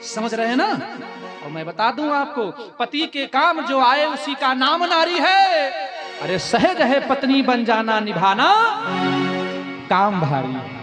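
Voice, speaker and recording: Male storyteller-preacher, very high voice, animated, music bed behind. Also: slow. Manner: animated storytelling, addressing the audience. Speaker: religious storyteller. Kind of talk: devotional katha sermon.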